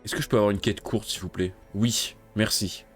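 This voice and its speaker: Faint music sits under a man's low, fairly even voice as he plays through a game at a normal pace. A gaming video creator doing casual let's-play commentary, he curses loudly in frustration when things go wrong, then mutters while he plans.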